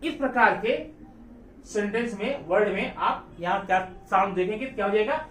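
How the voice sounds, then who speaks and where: A man's voice: high-pitched, normal speed, fairly bright tone, far from the mic, a little hiss or hum. Man teaching in an echoey room. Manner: asks students questions and repeats key words. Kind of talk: classroom grammar lesson.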